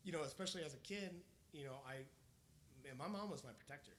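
A man's voice: on the high side, quick pace, fairly bright tone, a little hiss or hum. Man telling a long personal story. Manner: rambling, frequent fillers and restarts. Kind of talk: casual storytelling conversation.

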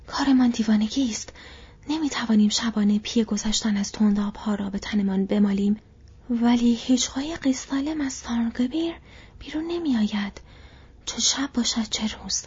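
A woman giving voice to a bold warrior who raises his voice in urgent, high calls across the water. His whispered lines stay very breathy and soft. The recording sounds dull and lo-fi. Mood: alarmed. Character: Boromir, bold warrior man shouting warnings.

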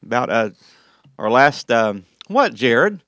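A man's voice: medium pitch, very animated, slow, a bit bright, no echo. A man hosting a casual podcast chat with his team, laughing often and restarting his sentences. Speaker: podcast host.

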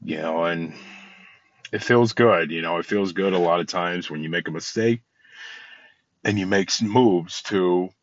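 A man's voice: sits low, measured pace, pauses often, no echo, dull audio. A man hosting a podcast, talking casually and from the heart about love and surprises, rambling with many restarts and sounding tired. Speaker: podcast host. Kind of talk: casual motivational talk.

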